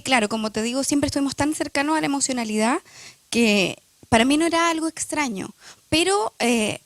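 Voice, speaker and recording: A woman's voice: high-pitched, fairly bright tone, no echo. A young woman, speaking reflectively and with emotion in a church testimony interview, often hesitating with fillers.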